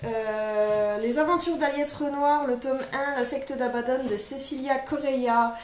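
High-voiced woman listing books slowly. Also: a little mellow. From France. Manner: hesitant, many fillers, lists titles one by one. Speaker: book vlogger. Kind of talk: casual chat presenting books. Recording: echoey room, faint noise.

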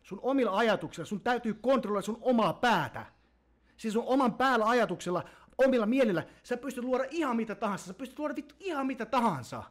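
A man's voice: very high-pitched, animated. A man hosting a podcast, ranting heatedly and profanely and mocking people in whiny voices. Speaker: podcast host.

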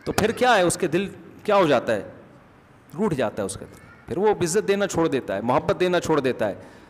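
A man's voice: a little high, sing-song, fairly quick, a little hiss or hum. A male religious scholar giving a conversational lecture, asking his listeners questions as he talks. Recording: long hall reverb.

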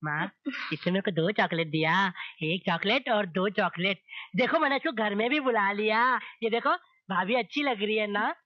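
Actor doing a childlike simple young man, high pitched, eager, dry muffled film sound. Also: normal speed, no room sound, lightly acted. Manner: childish, repetitive, pleading. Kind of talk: 1990s film acting.

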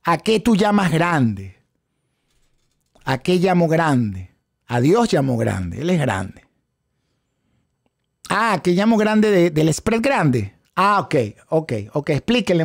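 A man's voice: high voice, creaky, no room sound, clean studio sound. A man teaching a live-streamed trading class, chatting with viewers and thanking them, wearing headphones at a home setup. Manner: lively, animated, chatty with viewers, thanks super chats. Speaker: trading instructor. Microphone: headphones with mic.

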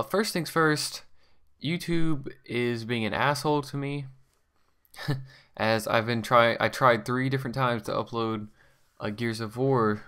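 His mid-range voice has a fairly bright tone as this man, hosting a channel, talks through gameplay. The commentary is casual and rambling, delivered offhand with frequent self-corrections.

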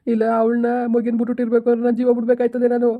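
A man's voice: very high-pitched, completely flat delivery, rapid-fire. A man playing a desperate husband who tearfully begs to get his wife back, speaking. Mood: begging, tearful. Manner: pleading, tearful, repetitive. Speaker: estranged husband in a village comedy skit. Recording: tinny phone-like sound.

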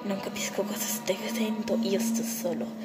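A woman's voice: medium pitch, fairly even intonation, moderate pace, in a whisper, close to an everyday voice. Woman doing a deluded killer mouse brother. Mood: insistent. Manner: insistent, self-righteous. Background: music.

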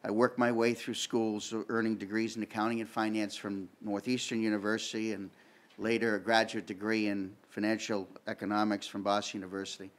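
A middle-aged man from Massachusetts, a political candidate, reading a prepared opening statement in a measured, formal way at a table microphone in a school meeting room. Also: on the low side, level tone. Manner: reads from notes, measured and formal.

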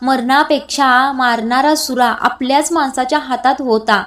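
A woman's voice: high-pitched, fairly even intonation, normal speed, a bit bright. A woman voicing an angry, hurt young wife in a retold TV serial, speaking in a reproachful, raised voice.

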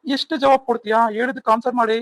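A stern, impatient young husband from a cartoon , voiced by a man. He scolds at a fast pace, and the recording is close and dry. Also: high-pitched, fairly even intonation, fairly bright tone, dry recording. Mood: scolding. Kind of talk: cartoon voice acting.

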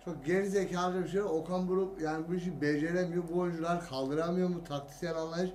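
A man reacting live to a football match, calling the play, shouting at players and cursing. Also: on the high side, fairly even intonation, fast talker, a little hiss or hum. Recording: roomy echo.

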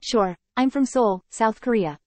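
A woman saying short English sentences for learners, repeating each phrase three times in a careful, even delivery. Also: a little high, a little slow, dry recording. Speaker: model speaker for English learners. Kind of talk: slow repeated example sentences.

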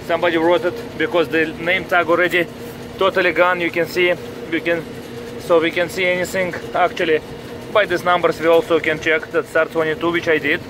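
A repair technician, a man with a heavy Russian accent, explaining his hands-on work in halting, repetitive phrasing. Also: fairly high pitch, flat delivery. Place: outdoors on a commercial rooftop. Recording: noisy outdoor handheld recording, traffic ambience.

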